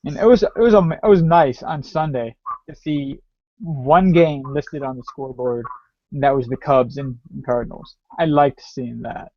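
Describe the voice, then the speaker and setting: A man's voice: mid-range voice, normal speed, dry recording. A man co-hosting a podcast in casual chat, dropping dry, wry asides. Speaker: podcast co-host. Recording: dry, dull lo-fi podcast audio.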